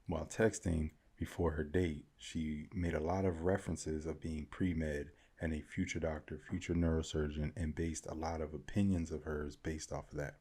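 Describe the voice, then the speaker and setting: A man's voice: extremely low pitch, level tone, normal speed, few pauses, warm tone, breathy edge. A man putting on a funny voice to read as a defensive young man telling his story. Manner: put-on reading voice with an odd accent. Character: young male poster, defensive and self-justifying.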